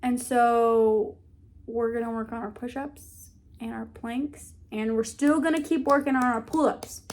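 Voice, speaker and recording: A woman's voice: fairly high pitch, steady tone, a little slow, darkish tone. A young woman vlogging in a casual, rambling way, often stopping to search for words and restarting her sentences. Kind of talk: casual talk to camera.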